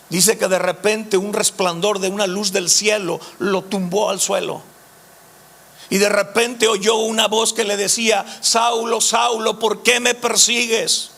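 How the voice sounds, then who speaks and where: A man leads a Bible study in a strikingly high voice with a gravelly edge. His tone is bright and forceful as he speaks emphatically and calls on the listeners directly. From Mexico.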